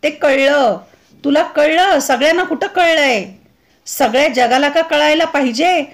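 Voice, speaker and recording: A woman's voice: sits high, unhurried. Woman reading as a chiding, exasperated wife. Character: scolding practical wife.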